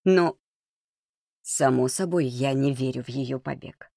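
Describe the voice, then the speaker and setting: A man reading a storybook voices a fiery, indignant young girl with a sharp, defiant manner. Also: medium pitch, unhurried, vocal fry, no echo, clean studio sound.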